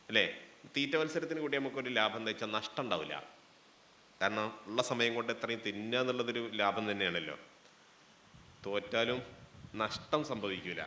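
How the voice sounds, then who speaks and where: A man's voice: fairly low pitch, bright, forceful tone. A man with a Malabar Malayalam accent giving a playful, interactive speech to students at a college fest, asking the audience questions and making jokes. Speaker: guest speaker inaugurating a college fest. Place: hall with an audience. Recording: roomy hall with faint background noise.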